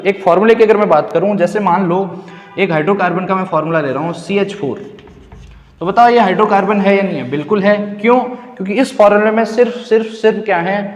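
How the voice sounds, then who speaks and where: High-voiced male chemistry teacher, echoey room. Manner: asks questions then answers them himself, repeats key words; calls students "beta", casual and direct. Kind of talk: classroom lecture. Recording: echoey roomy classroom.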